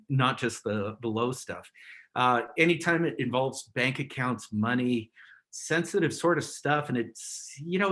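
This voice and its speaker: Guy talking thru a webinar on a call, loose and rambly, laughs a lot, middle pitch. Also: a bit bright. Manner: chatty, rambling, chuckles often. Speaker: webinar presenter. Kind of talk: casual instructional talk.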